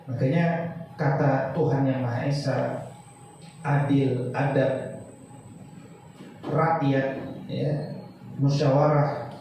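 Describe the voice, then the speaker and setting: A male Islamic teacher from North Sumatra lectures with animated, rhetorical delivery, his voice a little raised and mellow in tone. He is heard from a distance in a very echoey hall, with faint noise underneath. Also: fairly high pitch. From North Sumatra, Indonesia. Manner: animated, rhetorical questions to the audience. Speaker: Islamic teacher giving a study session. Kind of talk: religious lecture.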